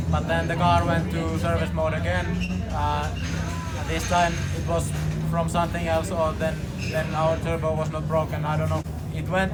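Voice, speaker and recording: A man giving a halting, informal post-race report in simple as a driver. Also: a little high. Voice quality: non-native English with simple phrasing. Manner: halting, repeats words. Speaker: racing driver. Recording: very noisy outdoor racetrack with vehicles.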